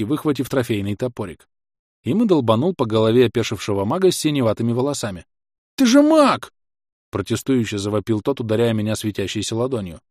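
A male audiobook narrator reading first-person fantasy action briskly and vividly. His pitch moves a lot from line to line. The recording is dry and close, with no room sound. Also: darkish tone, dry recording.

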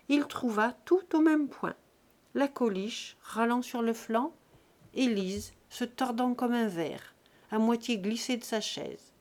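A woman reading a classic novel aloud as an audiobook, with an expressive, measured delivery. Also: fairly high pitch. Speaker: audiobook reader. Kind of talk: scripted narration.

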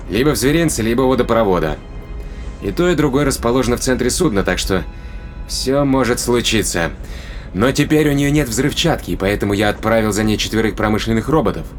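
In a science fiction audio drama, an actor with a natural, medium-pitched male voice plays a calm, practical spaceship captain. His manner is casual, wry and matter-of-fact.

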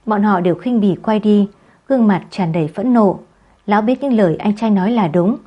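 A woman reading a novel aloud in a steady, measured storytelling voice. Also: medium pitch, husky, highs cut off. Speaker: narrator. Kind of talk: scripted audiobook narration.

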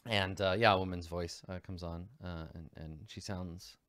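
A man running a tabletop role-playing game as game master, rambling through his scene with lots of fillers and restarts. His voice sits low, and the recording is dry and close. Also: fairly even intonation, moderate pace, fairly bright tone, no echo.

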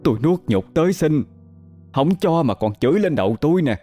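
A man's voice: expressive, fairly quick, mellow, soft background music. A man voicing a greedy middle-aged village woman who wails and scolds shrilly in a told story. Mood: wailing. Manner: wailing, shrill, self-pitying. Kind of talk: storytelling with voices.

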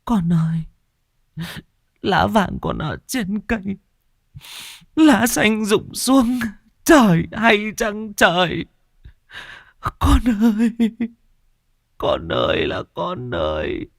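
A woman's voice: fairly high pitch, very animated, slow, fairly bright tone, no echo, studio quality, exaggerated voice. A woman voicing an older mother who keens and wails in grief over her son, in a narrated audio story. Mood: keening. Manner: wailing, keening lament.

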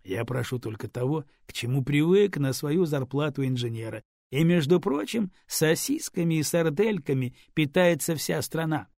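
A man's voice: on the high side, expressive, moderate pace, gravelly, few pauses, a little mellow, dry recording, clean studio sound. A man voicing a teasing, easygoing male engineer with a mocking manner.

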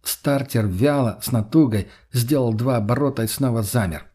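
A man with a husky, mid-pitched voice reads a first-person audiobook. He tells the story at a steady, even pace. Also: moderate pace. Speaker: narrator. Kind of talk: audiobook narration.

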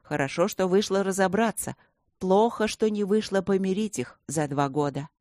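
A woman narrating a fantasy audiobook in an even storytelling manner, close to the mic. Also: mid-range voice, moderate pace, dry recording. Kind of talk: scripted narration.

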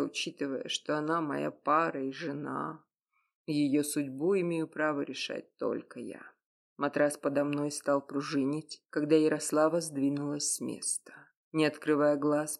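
Low-voiced woman reading a novel. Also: vocal fry. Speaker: audiobook narrator. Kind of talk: first-person novel narration.

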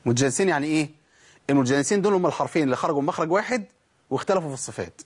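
A man's voice: a little high, animated, rapid-fire, husky. A man with an Egyptian accent teaching Quran recitation, asking questions and answering them himself, and repeating words to show how letters sound. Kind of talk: recorded recitation lesson.

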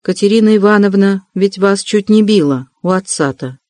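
A man's voice: high-pitched, moderate pace, a little mellow, no room sound, lightly acted. A man reading an audiobook, voicing a brooding young man with curt, clipped questions, close to his own voice.

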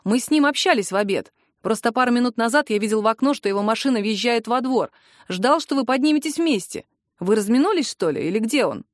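A woman's voice: fairly high pitch, expressive, fast, no room sound, studio quality, lightly acted. Woman doing a blunt, teasing brother. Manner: casual, teasing, offhand. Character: teasing younger-adult brother, blunt and easygoing.

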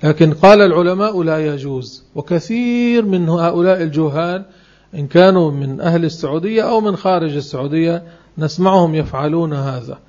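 Male religious teacher, emphatic and slow on key phrases, fairly high voice on a dull recording. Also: a little mellow. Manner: emphatic, spells out phrases slowly word by word. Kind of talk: religious lesson.

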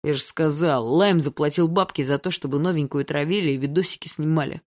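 A woman's voice: low-pitched, brisk, a little mellow, close to an everyday voice. A woman reading an audiobook, voicing a nervous teenage boy who blusters when cornered. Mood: flustered. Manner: flustered, blustering. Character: nervous teen boy caught in a scheme.

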